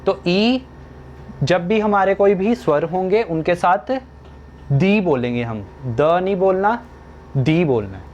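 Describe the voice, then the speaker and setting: A young man with a fairly high voice teaches a grammar lesson at a very slow, deliberate pace. He asks a question and then answers it himself, the way a teacher walks a class through a point. A faint hiss sits under the recording. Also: animated, darkish tone, lo-fi sound.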